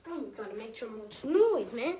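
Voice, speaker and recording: Warm and fairly high-pitched, this woman's voice swings widely in pitch at a normal speed. She's an amateur reading a children's book aloud, stumbling casually and adding chatty asides. Clicks and obvious noise mark the home recording.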